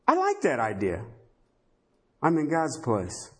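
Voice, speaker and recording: A man's voice: a little high, huge pitch swings, slow. A man preaching a sermon, asking rhetorical questions and acting out the voices of biblical figures.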